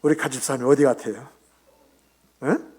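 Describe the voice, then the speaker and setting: Man, pastor, husky voice, chatty sermon, questions to the congregation, whispered asides. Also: medium pitch, fairly even intonation, normal speed, darkish tone. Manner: conversational, quizzes the congregation, drops into whispered asides. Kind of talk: Sunday sermon. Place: church sanctuary.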